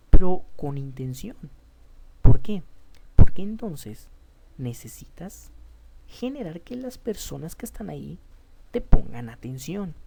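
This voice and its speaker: Low-voiced Mexican woman teaching speaking. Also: gravelly, warm tone, slight background noise. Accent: Mexican Spanish. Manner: emphatic, addresses students directly, often restarts words. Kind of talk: public speaking lesson.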